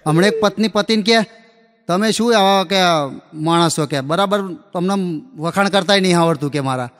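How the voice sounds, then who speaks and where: Man, live stand-up comedian, acts out dialogue, high voice, long reverb of a hall. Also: normal speed, a bit bright. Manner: folksy anecdotal delivery, acts out dialogue. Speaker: stand-up comedian telling school jokes. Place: live comedy stage before an audience.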